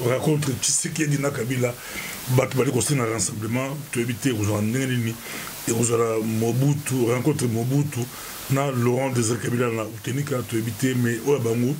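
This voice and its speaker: A man, a pastor hosting a talk show, who cuts in quickly and sums up the discussion. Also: medium pitch, a little mellow. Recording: faint hiss on the line.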